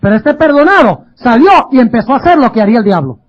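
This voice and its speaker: A man's voice: extremely high pitch, sing-song, fast talker, highs cut off. A man preaching a sermon as pastor, speaking emphatically and asking his listeners many rhetorical questions.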